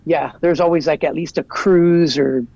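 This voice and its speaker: A man's voice: fairly high pitch, steady tone, normal speed, creaky, a little mellow, dry recording, dull audio. A man in his forties from Southern California, a guest chatting casually and rambling easily with lots of "like". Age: 40s. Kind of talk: casual podcast chat.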